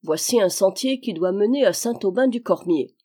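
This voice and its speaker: Hearty young officer, frank and cheerful, warm tone, as a woman reads him, audiobook. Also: mid-range voice, animated, normal speed, husky. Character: frank young male army captain.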